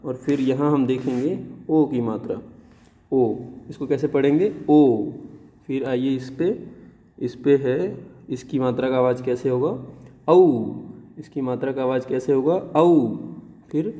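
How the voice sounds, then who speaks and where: A man teaching young children the Hindi vowels and their signs, saying each sound slowly and repeating it. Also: medium pitch, fairly even intonation, mellow, long reverb tail. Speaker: primary school teacher. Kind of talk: classroom lesson on Hindi vowels.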